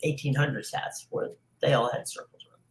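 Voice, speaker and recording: A man's voice: mid-range voice, fairly even intonation, a little fast, low-quality recording. A man hosting a casual sports talk show, rambling with many fillers.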